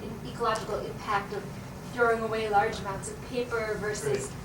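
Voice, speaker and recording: A woman's voice: medium pitch, fairly even intonation, brisk. A woman in the audience asking an informal academic question. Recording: very noisy, echoey room from far off.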